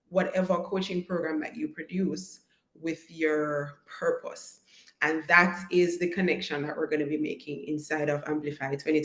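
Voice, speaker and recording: A woman, hoarse after an illness, talks casually to viewers on her live stream and greets them by name as she coaches. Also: fairly low pitch, a bit bright. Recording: roomy echo.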